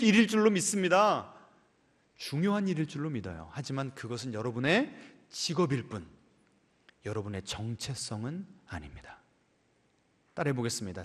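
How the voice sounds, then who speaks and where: A male pastor preaching a sermon, questioning his congregation and swinging between emphatic raised lines and soft low endings. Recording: church hall with long reverb.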